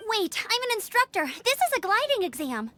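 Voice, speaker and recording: A woman's voice: extremely high pitch, big pitch swings, moderate pace, bright, forceful tone, a little hiss or hum, heavily acted. A woman voicing a spirited, cheerful girl who works as a gliding instructor in a video game. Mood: surprised, curious. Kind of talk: English video game dialogue. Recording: game music behind the voice. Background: game music.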